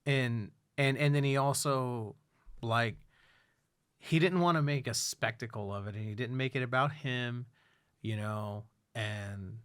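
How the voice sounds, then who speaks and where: A man's voice: unhurried, a bit bright, smooth, dry recording. Male podcast host, casual chat, profane, rambling, dry close sound. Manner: rambling, profane, many fillers, drops low when somber.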